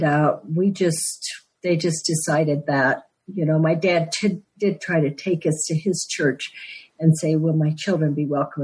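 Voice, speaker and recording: This Denver, Colorado guest, a woman in her sixties who is both an author and a Christmas elf, speaks on the low side with a slightly rough quality. She shares her story with earnest sincerity and quick bursts of laughter during the podcast interview, captured in a rough recording.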